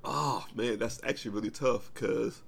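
A man with a gravelly, bright voice chats casually as a podcast co-host. He gets excited easily and swears freely. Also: mid-range voice, normal speed. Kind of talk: casual chat.

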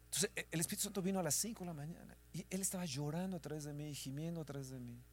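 A male pastor delivers a sermon, sinking to hushed whispers and climbing to shouts, and now and then sings lines of scripture. His voice sits a little high and comes out rapid-fire.

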